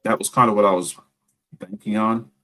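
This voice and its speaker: A man with an Australian accent hosts a casual chat while sewing, telling rambling stories full of ums. His voice is fairly low with fairly even intonation, bright and forceful, at a moderate pace.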